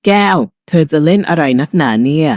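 A woman voicing a weary, exasperated husband who pleads earnestly with his wife, speaking low in a dry storybook reading. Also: a little fast, darkish tone, no echo.

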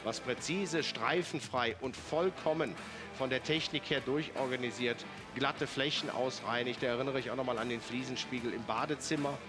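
A man's voice: mid-range voice, moderate pace, music in the background. A man presenting an infomercial product demonstration in a chatty, persuasive way, putting questions to the viewers.

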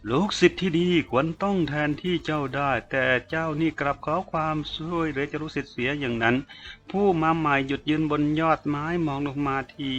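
A man narrating a martial arts novel as an audiobook in a steady, storytelling way, on a dull lo-fi recording. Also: fairly high pitch.

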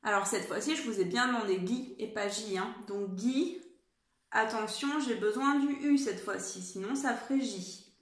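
A woman teaching a spelling lesson to young children at home, dictating slowly and carefully and encouraging them. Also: mid-range voice. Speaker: primary school teacher. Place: room at home. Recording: echoey room.

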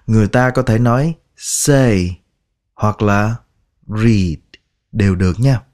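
A man teaching English phrases, patiently repeating each word slowly and clearly in a lesson. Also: fairly low pitch, a little mellow. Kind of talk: language lesson.

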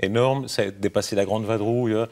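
A man's voice: on the low side, fairly even intonation, a little fast, a little mellow. A man interviewing a guest, prompting her with questions and short tag questions.

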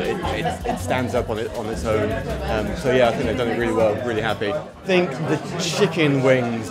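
Relaxed man diner in noisy restaurant. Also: mid-range voice. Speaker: diner reviewer. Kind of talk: on-camera interview. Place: busy restaurant dining room. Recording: loud music and crowd chatter.

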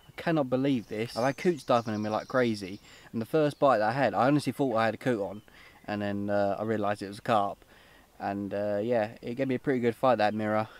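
A man's voice: on the low side, fairly quick. Chatty young British man at a lakeside. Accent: British English. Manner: chatty, upbeat, rambling with many fillers. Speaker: fishing vlogger. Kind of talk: casual outdoor vlog. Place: lakeside, outdoors and under a fishing shelter.

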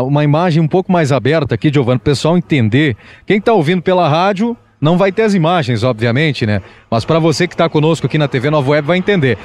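Out on a dirt road, a young man with a Brazilian Portuguese accent reports the news for local radio and web TV into a masked handheld microphone. His voice is a little high and a little mellow, his brisk delivery has filler restarts, and slight background noise can be heard.

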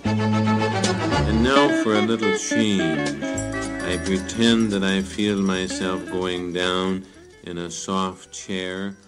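Very deep, slow man from an old vinyl record. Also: steady tone, over loud music. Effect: sampled from an old vinyl record. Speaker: narrator of an instructional record. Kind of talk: slow guided relaxation instruction.

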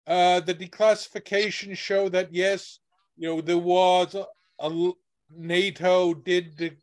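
A guest speaker on a video call whose audio keeps breaking up, answering questions in a halting way with repeated words and restarts. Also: male voice, high-pitched, little pitch movement. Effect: choppy, breaking-up video call audio.

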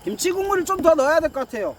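A man's voice: very high voice, sing-song, very fast, background noise. A man chatting casually as he narrates his own cooking and eating vlog. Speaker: mukbang vlogger.

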